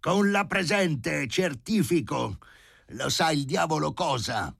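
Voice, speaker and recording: A man's voice: fairly high pitch, expressive, takes it slowly, gravelly, husky, no echo, studio quality, pitched above the performer's own voice, exaggerated voice. A man voicing an irritable, exasperated older male professor in an audiobook reading. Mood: grumbling. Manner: exasperated, growling and shouting.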